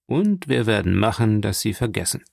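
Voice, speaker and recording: Formal gentleman read by a man, low, gravelly, placating, audiobook, dry sound. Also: very animated, moderate pace, dry recording, full character voice. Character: anxious, proper gentleman father.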